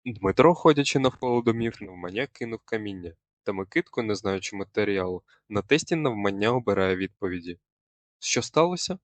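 Young male student presenter, lowish voice, dry close sound, didactic delivery. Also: expressive, fairly quick, no room sound. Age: young adult. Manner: didactic, quizzes the viewer. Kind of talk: scripted educational presentation.

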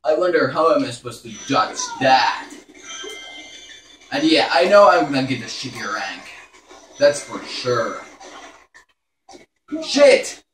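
Playing in front of a TV indoors, a gaming video host exclaims and curses in frustration during casual live commentary. His medium-pitched, slightly bright voice is animated yet slow, with frequent pauses, picked up by a distant mic in a roomy space with a little hiss, faint game music and game sound behind.

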